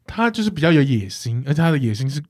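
Guy on a podcast, high voice, telling a story, laughs a lot, super animated. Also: fast. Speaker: podcast co-host. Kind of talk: casual chat.

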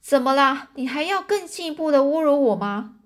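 A woman's voice: sits high, animated, normal speed, pitched above the performer's own voice. A woman voicing an indignant, easily offended elderly male duke in a storybook reading. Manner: indignant and shouting.

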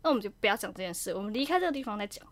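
A young woman, co-hosting a podcast in casual chat and telling a ghost story, sometimes dropping to a hushed voice. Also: medium pitch, very fast. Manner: lively storyteller, drops to a hushed voice for spooky parts. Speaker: podcast co-host.

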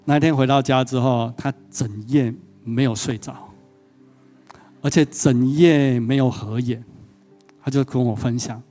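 A man's voice: mid-range voice, fairly even intonation, measured pace, mellow, soft background music. A male pastor giving a sermon, telling a personal story and often asking the congregation questions.

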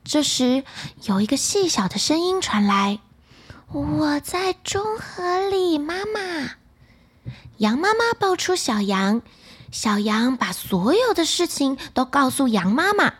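A woman with a Taiwanese Mandarin accent, narrating a bedtime story for children in a lively, expressive way. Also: high voice, measured pace, husky.

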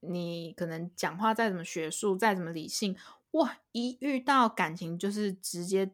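A woman's voice: medium pitch, normal speed. A woman hosting a podcast, chatting expressively and laughing easily. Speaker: podcast host. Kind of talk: casual chat.

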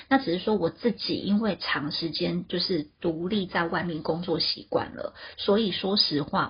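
A woman speaks candidly and reflectively in a very husky, creaky voice. She is measured, as a guest answering personal questions, and the recording is dull and lo-fi. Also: lowish voice. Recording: dull, muffled lo-fi audio.

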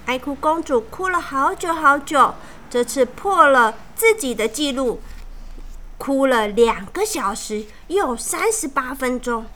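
Woman storyteller, children's picture book, high bright voice, slow and clear. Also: animated.

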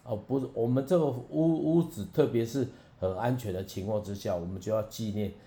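Deep dark-toned guy, minister talking like a sermon, echoey room, faint hum. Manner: drawn-out, sermon-like, with soft particles. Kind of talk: prayerful talk.

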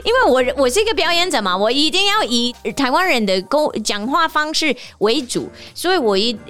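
A woman from the United States, a native English speaker, talks through a casual podcast monologue as host. Her pitch sits fairly high and swings widely while she tells stories, laughing often. Soft music plays faintly underneath. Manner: animated storytelling, laughs often. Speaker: teacher and performer.

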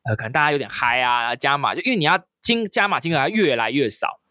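A man's voice: medium pitch, animated, fast talker, sharp tone, no room sound, clean studio sound. A man telling a story in casual chat, acting out quotes in a raised voice. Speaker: storyteller recounting hosting a company party.

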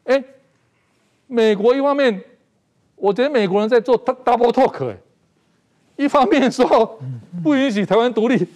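A man's voice: extremely high pitch, moderate pace, long pauses, darkish tone. A middle-aged man from Taiwan with a Taiwanese Mandarin accent, a talk show guest making emphatic political commentary and repeating phrases for stress. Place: TV studio.

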